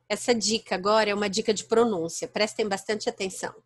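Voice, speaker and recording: A woman's voice: mid-range voice, no room sound. A woman teacher with a Brazilian Portuguese accent giving an online class, explaining points step by step and checking that her students understand. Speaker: English teacher. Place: home, online virtual class.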